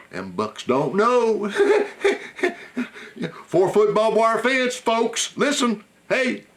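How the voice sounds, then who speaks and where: A man hosting a hunting show, telling a story in a casual, folksy way and repeating himself as he talks to his viewers. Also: a little high. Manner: animated, repetitive, folksy asides to the audience.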